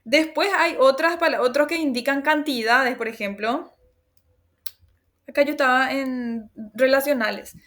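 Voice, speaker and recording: A woman's voice: high-pitched, measured pace, fairly bright tone. A woman teacher giving a class lecture, explaining patiently, often checking in with her students and reassuring them with a laugh. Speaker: language teacher.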